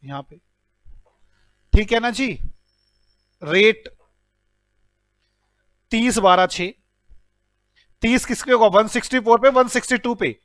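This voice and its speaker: High-voiced teasing male teacher. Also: animated, moderate pace, pauses often, a bit bright, dry recording, clean studio sound. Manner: teasing, joking with students while calculating aloud; mixes English numbers into Hindi speech. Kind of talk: classroom lecture solving problems.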